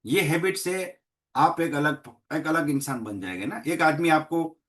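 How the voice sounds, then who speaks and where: A man's voice: fairly high pitch, measured pace, a bit bright. A middle-aged man with a Gujarati accent giving a motivational network marketing training talk, telling stories and acting out the people in them. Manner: storytelling, acts out dialogues in many voices. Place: meeting hall.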